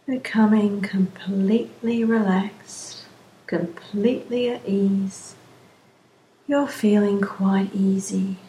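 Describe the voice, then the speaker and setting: Slow soothing woman guiding relaxation. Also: mid-range voice, fairly even intonation, mellow, a little hiss or hum. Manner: slow, soothing, drawn-out phrasing. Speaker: relaxation guide. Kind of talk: guided relaxation script. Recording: roomy echo, faint background ambience.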